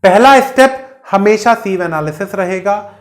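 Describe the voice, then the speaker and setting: A man's voice: sits high, animated, measured pace. Man tutoring, rhetorical questions, patient lecture. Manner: explains with rhetorical questions, mixing English terms. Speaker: engineering exam tutor. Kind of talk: casual classroom lecture.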